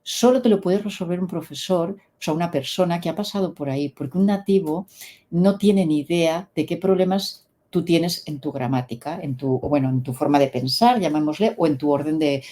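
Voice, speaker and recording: A middle-aged woman talks through her teaching method in a relaxed interview. Her voice sits low and sounds mellow. She tells her points as lively little stories, putting on the voices of the people she quotes. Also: normal speed. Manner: animated storyteller, acts out quoted dialogue. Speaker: English method creator, interview guest. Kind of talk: casual interview explanation.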